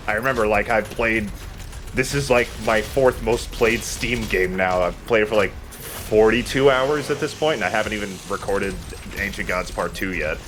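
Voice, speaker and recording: Here a man with a lowish, fairly bright voice chats informally while playing a game, poking fun at himself as he commentates like a typical let's player.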